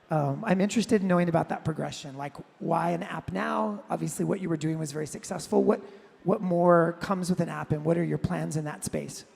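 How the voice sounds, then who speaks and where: A woman interviewer asking measured, prepared questions on stage in front of a live audience. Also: on the low side, vocal fry, warm tone, slightly rough. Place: large hall before a live audience. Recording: long hall reverb.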